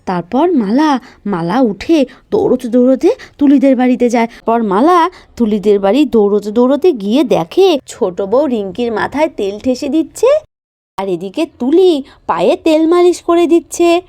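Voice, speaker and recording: A woman telling a storybook village doll tale and voicing its figures with an emotive, lively delivery. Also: normal speed. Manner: emotive, lively delivery, pitch rising high for cries. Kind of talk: dramatized storybook narration.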